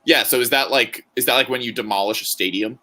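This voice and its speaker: A man's voice: mid-range voice, quick pace, bright, forceful tone. A man co-hosting a podcast in casual banter, joking and rambling with frequent laughs. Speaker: podcast co-host.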